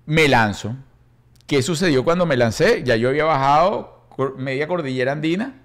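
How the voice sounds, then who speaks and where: A middle-aged man with a Venezuelan accent, co-hosting a podcast and telling a story in a casual, animated way, acting out quotes and laughing as he goes. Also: fairly high pitch, moderate pace. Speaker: podcast co-host.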